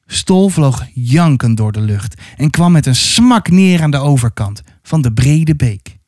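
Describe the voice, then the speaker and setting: Animated man reading a storybook aloud. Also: mid-range voice, no room sound, clean studio sound. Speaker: storybook reader. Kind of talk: reading a children's book aloud.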